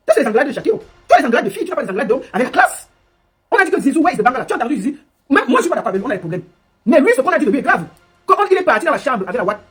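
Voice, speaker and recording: A woman's voice: fairly high pitch, breathy edge. A woman giving a scolding, mocking live commentary. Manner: scolding, mocking, rapid-fire. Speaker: livestream commentator.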